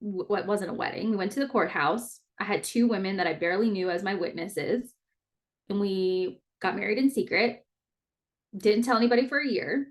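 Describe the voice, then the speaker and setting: A woman's voice: mid-range voice, moderate pace. An earnest woman in her thirties speaks into a podcast microphone, candid and heartfelt. Her talk is casual and personal, loose with fillers, now and then a mild swear. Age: 30s. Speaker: podcast host.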